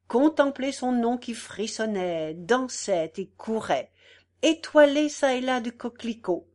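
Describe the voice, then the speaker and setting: A woman reading a story aloud as the narrator, in a measured and expressive way. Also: mid-range voice. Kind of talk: audiobook reading.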